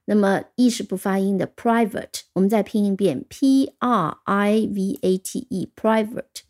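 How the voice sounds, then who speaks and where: A woman's voice: medium pitch, a little slow. A woman teaching English vocabulary, patiently explaining step by step and spelling words out letter by letter. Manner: explains step by step with soft fillers. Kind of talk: vocabulary lesson.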